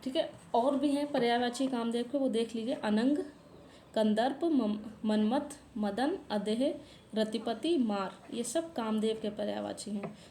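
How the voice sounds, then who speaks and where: A woman's voice: on the high side, normal speed, mellow. A woman teaching exam preparation and working through a past paper, patiently repeating corrections and speaking straight to her students. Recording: echoey room, faint background noise.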